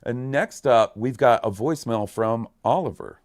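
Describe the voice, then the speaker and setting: A man hosting a podcast in casual chat, excitable and swearing a lot. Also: mid-range voice, normal speed, dry recording, clean studio sound. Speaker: podcast host.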